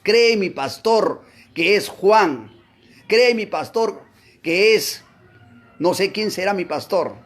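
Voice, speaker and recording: This man teaching a Bible class is animated and slow, preaching forcefully with rhetorical questions directed at his listeners. He alternates loud exclamations with low, muttered asides.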